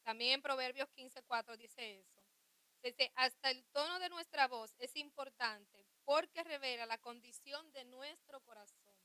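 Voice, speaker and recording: Woman radio co-host, clear resonant voice, high and bright, chatty about faith. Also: unhurried, no echo. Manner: chatty, reflective, laughs often.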